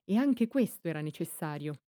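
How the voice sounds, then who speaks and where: A woman voicing a serene, wise child empress in an audiobook, speaking softly and gently. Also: deep voice, expressive, normal speed, no echo, clean studio sound. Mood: gentle. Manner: soft, gentle, quiet.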